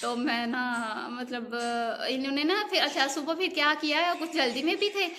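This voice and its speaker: A young woman talks to her camera in a casual vlog, retelling her day with emotion and plenty of repetition. Her voice is bright and sits a little high. Faint background noise runs under the recording. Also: moderate pace. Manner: emotional, rambling, repeats herself often. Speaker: vlogger.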